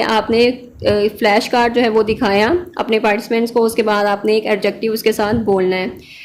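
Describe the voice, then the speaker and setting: A woman's voice: on the high side, darkish tone, a little hiss or hum. Patient tutor woman. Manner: patient, checks in with "okay" and pauses on fillers; mixes English terms into her speech. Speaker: online tutor. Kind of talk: explanatory lecture on a lab practical.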